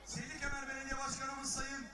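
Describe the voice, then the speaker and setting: High-pitched man announcing over a PA. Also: completely flat delivery, brisk, distant mic, over a noisy crowd. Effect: over a PA loudspeaker. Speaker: arena announcer. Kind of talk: formal ring announcements. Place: outdoor wrestling arena. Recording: echoey loudspeaker heard from afar.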